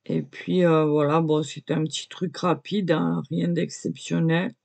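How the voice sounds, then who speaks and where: An amateur artist casually walks viewers through her drawing, hesitant and peppering her speech with "voilà" and "euh," coughing and choking easily as she talks. Her low voice is creaky and darkish, level in tone and a little slow.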